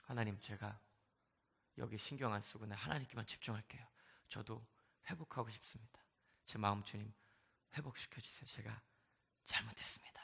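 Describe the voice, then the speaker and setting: A woman's voice: mid-range voice, lively intonation, fairly quick, pauses often, fairly bright tone, big-room sound, pitched above the performer's own voice, natural voice. A man voicing a repentant woman in her seventies who uses a wheelchair, praying in a pleading, tearful way. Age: 70s. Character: elderly woman church deaconess in a wheelchair, repentant.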